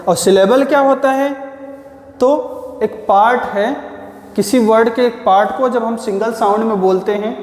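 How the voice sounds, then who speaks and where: A man's voice: extremely high pitch, unhurried. A male teacher giving a classroom-style lecture, patiently explaining, putting questions to the children and then answering them himself. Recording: echoey room with long reverb.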